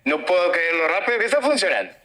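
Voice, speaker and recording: High, bright AI translation voice of a man. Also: very animated, very fast. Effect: AI translation voice speaking Spanish in a caller's voice. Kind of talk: live call translation demo clip.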